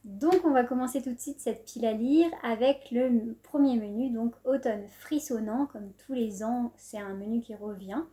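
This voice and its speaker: A woman's voice: a little high, moderate pace, few pauses, dark tone. A young woman from France chatting casually about books on her video channel, with frequent fillers and little laughs. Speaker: booktuber presenting her reading list. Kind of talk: casual vlog chat.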